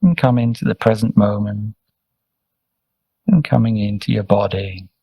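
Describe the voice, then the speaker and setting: A Buddhist monk who teaches meditation leads a session very slowly, leaving space between phrases as he gives gentle, soothing step-by-step instructions. His lowish voice is mellow and relaxed, with gravelly fry around the edges. There is no echo.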